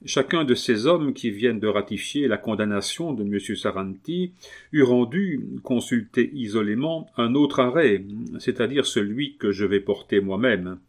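A man reading a novel aloud, voicing an earnest, persuasive gentleman who speaks in a calm, measured way. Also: medium pitch, natural voice. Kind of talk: audiobook reading.

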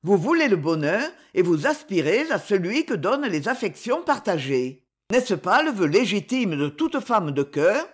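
Woman reading as an earnest proud gentleman. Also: medium pitch, sing-song, normal speed, husky. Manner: tender, earnest.

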